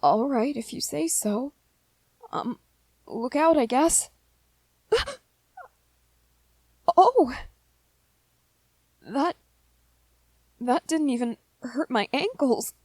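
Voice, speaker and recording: Pitched on the high side for her, a woman performs a gentle young male vampire in romantic ASMR, his slow, hesitant, soft-hearted speech stumbling shyly over repeated words. The delivery is animated, exaggerated and excited, and the dry, close recording feels meant for one adored listener.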